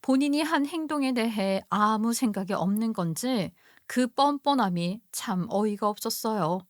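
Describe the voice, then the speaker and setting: A woman narrates a first-person story with a confiding, emotional delivery. Her voice sits fairly high and sounds close and dry, with no room around it. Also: lively intonation, normal speed, no echo.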